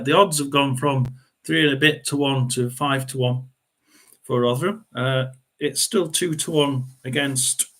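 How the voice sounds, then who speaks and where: A middle-aged man hosts a football watchalong in a loose, casual way. He rambles along with plenty of fillers and keeps clearing his throat between thoughts. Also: medium pitch, fairly bright tone. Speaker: watchalong host. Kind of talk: casual live football commentary.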